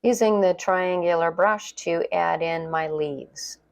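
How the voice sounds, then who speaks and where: A woman's voice: fairly low pitch, slow pace, creaky, soft background music. A middle-aged woman narrating a casual painting tutorial in a chatty, self-deprecating way. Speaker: watercolor painting instructor.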